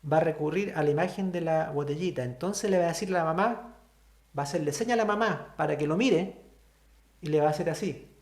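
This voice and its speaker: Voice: mid-range voice, a little fast, darkish tone. Patient teacher in a roomy space. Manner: patient, explanatory, often checks in with "¿cierto?". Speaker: sign language teacher. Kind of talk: online class explanation.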